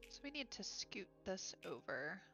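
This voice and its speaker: Over music, a woman with a medium-pitched voice and big pitch swings talks at a measured pace while she draws on a livestream. She's from Ohio with a Midwest American accent, and she reads viewer comments in a chatty, upbeat way, full of fillers and giggles.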